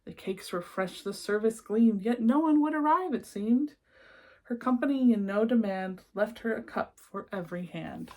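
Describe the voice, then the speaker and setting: A woman reading a picture book aloud expressively, with gentle, encouraging asides spoken directly to young listeners. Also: fairly high pitch, lively intonation, moderate pace. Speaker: children's read-aloud presenter.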